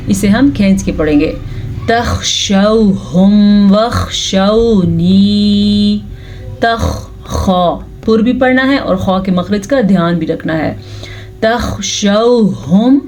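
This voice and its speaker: A woman teaching Quran recitation rules, explaining each sound and then reciting words slowly and drawn out. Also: medium pitch, darkish tone. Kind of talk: recitation lesson with slow drawn-out recitation.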